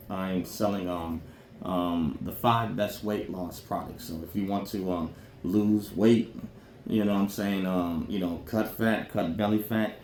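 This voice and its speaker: In a lowish, slightly mellow voice, a man hosting a podcast rambles informally about military careers, keeping it colloquial and repeatedly asking "you know what I'm saying." His off-the-cuff monologue is captured with a roomy echo and faint background noise.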